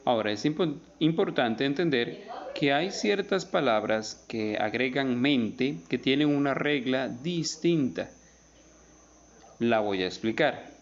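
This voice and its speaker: Male teacher, gravelly and lively in pitch, drawn-out emphatic delivery, dull lo-fi recording with faint hiss. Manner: slow, emphatic word-by-word explanation, stretching out key words. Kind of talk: recorded spelling lesson.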